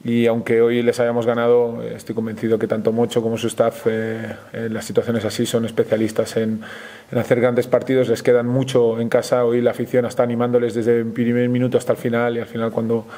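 A man with a Spanish accent, a basketball coach answering questions at a post-game press conference in a measured way, with many hesitations and restarts. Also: mid-range voice, completely flat delivery, mellow.

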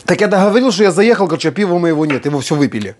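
Very fast and high-pitched with lively intonation, a man hosts a home cooking video, keeping up playful, folksy chatter packed with endearing diminutives as he works. The kitchen is noisy with clattering and clicking.

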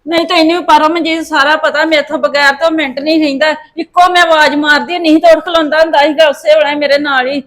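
An older woman acts out a grandmother in a homemade family drama, high-pitched and lamenting. Her voice wails and frets, caught up in grief. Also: fairly even intonation, fast talker, hardly any pauses, fairly bright tone. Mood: fretful. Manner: wailing, lamenting. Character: distraught grandmother whose grandson is missing. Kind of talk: amateur family drama acting.

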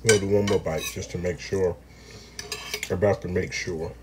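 Streaming live from his kitchen, a man chats casually and playfully with viewers and hums as he eats. He speaks at normal speed in a low, steady voice, with background noise of clattering dishes, cutlery, pots and pans.

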